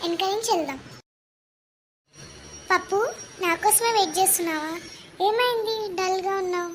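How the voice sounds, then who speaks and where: A voice actor playing a gentle schoolgirl who consoles her crying boyfriend. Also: very high-pitched, moderate pace, slight background noise. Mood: gentle consoling. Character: sweet, soothing schoolgirl sweetheart.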